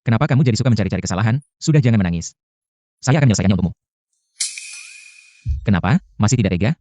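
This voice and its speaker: An actor dubbing a cold, protective rich executive in a short drama, speaking curtly and commandingly. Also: male voice, on the low side, expressive, rapid-fire, dark tone, no room sound, muffled recording, soft background music, natural voice. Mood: firm. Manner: curt, commanding. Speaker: lead actor.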